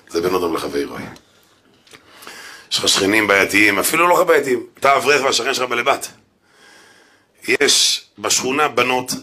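A man, a rabbi, giving an animated Torah lecture in a synagogue, joking and acting out little quotes. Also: fairly low pitch.

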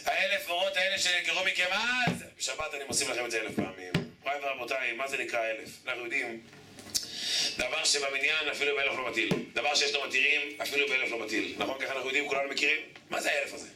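A man's voice: medium pitch, loud music behind the voice. A man preaching a sermon as a rabbi, firing repeated rhetorical questions at his congregation. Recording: echoey room, distant mic, background noise.

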